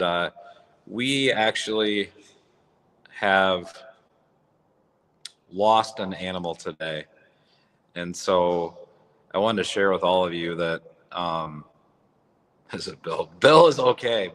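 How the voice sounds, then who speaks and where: In an echoing barn, a man hosts a casual livestream on a phone or app mic, talking slowly with long pauses. His voice is low and a bit bright, and he rambles in a raw, blunt manner.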